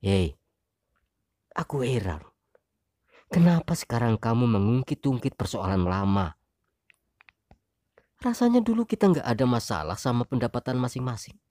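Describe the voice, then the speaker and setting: Woman doing a low, tired young husband. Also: sing-song, normal speed, long pauses, dark tone, dry recording, studio quality. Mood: weary. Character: weary young husband, calm then heated.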